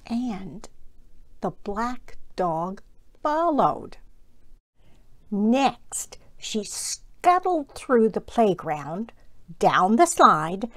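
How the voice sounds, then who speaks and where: Slow, expressive older woman storyteller. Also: mid-range voice, no room sound. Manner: expressive, drops to a breathy whisper for suspense. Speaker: children's sermon leader. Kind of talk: storybook reading and children's sermon. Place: home room with bookshelves.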